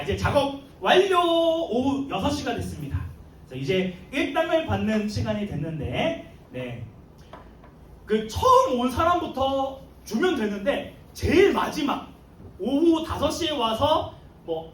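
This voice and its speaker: A man's voice: very high-pitched, a bit bright, a little hiss or hum. A man preaching to a youth group, telling the story animatedly with slang and chuckles. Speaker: youth pastor. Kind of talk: youth sermon. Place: church sanctuary. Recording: echoey room, mic far off.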